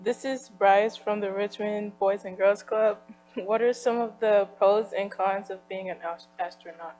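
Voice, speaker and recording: A woman's voice: medium pitch, fairly even intonation, measured pace, a little mellow, low-quality recording. A woman reading out prepared questions at an event. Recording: faint mains hum on the line.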